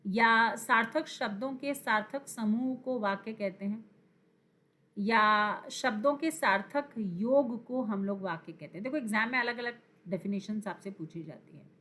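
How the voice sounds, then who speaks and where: A woman teacher explaining grammar for exam prep at a deliberately slow pace. Her voice sits a little high and rings bright. She repeats the key words and keeps quizzing her viewers. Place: teaching at a screen.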